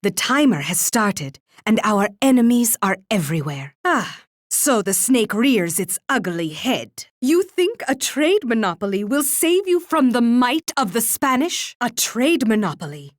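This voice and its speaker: A woman's voice: fairly high pitch, big pitch swings, unhurried, no room sound, studio quality. An actress playing an imperious, cruel Spanish warrior queen in a video game, commanding, condescending and taunting. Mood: commanding, wary, then haughty, taunting. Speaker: video game character voice actor. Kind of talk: theatrical video game voice lines.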